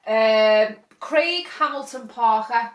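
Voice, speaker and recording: A woman co-hosting a casual chat podcast, giggly and animated, recorded roomy and from a distance. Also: a little high, takes it slowly. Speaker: podcast co-host.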